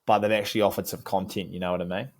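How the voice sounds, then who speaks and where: A young man with a broad New Zealand accent and a fairly low voice. He chats like he is among mates, loose and slangy, circling back over his own phrases as he goes. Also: little pitch movement, rapid-fire, slight background noise. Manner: laid-back, slangy, repeats himself. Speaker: podcast co-host. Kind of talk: casual banter between mates.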